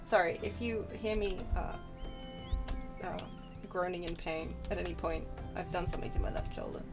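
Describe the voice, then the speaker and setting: A woman's voice: lowish voice, steady tone, moderate pace, loud music behind the voice. A woman chatting casually and playfully as she commentates on a game she is streaming. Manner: playful, jokey. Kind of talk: casual chat and commentary while gaming.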